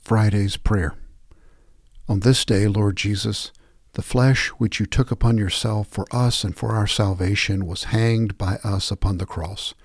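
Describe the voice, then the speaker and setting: A man reading scripture passages and prayers aloud in a measured, reverent devotional style. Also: on the low side, fairly even intonation, breathy edge, no echo, clean studio sound.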